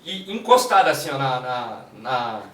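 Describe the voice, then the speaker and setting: Male interview guest, São Paulo accent, relaxed storyteller full of fillers, mid pitch, roomy distant sound. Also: normal speed. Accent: São Paulo Portuguese. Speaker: guest, creative director and videomaker. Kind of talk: casual interview conversation. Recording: echoey room, distant mic, faint noise.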